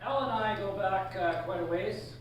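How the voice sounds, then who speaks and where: A man's voice: sits high, normal speed. An older man from British Columbia giving a roast speech, joking dryly about himself and an old school friend. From Canada, British Columbia. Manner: dry, self-mocking humor. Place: event hall. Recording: echoey hall, far mic, loud background noise.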